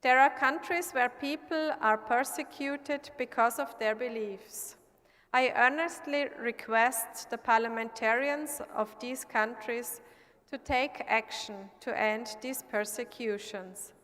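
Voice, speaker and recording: A woman from Austria who sits in parliament, giving an earnest, measured prepared speech at an assembly. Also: on the high side, fairly bright tone. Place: large assembly hall. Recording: long hall reverb.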